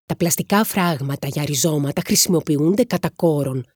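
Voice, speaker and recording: A woman reading a calm patient man. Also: low-pitched, slightly rough, no room sound, studio quality. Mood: explaining. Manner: measured, soothing, explanatory.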